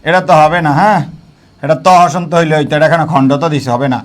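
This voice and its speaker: A man's voice: a little high, fast talker. A male teacher giving a live online grammar class, often repeating key points and quizzing his students, with English words mixed into casual talk. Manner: colloquial, mixing in English words.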